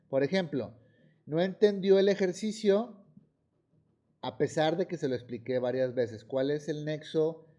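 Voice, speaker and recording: A man teaching a high school grammar class in Mexican Spanish, explaining with examples and often checking in with "¿sí?". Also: dark tone.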